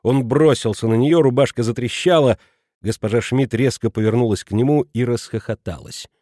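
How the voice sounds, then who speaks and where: A man reads a novel aloud in an even, measured voice. The sound is close and completely dry. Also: mid-range voice, dry recording. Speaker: audiobook narrator. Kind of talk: scripted literary narration.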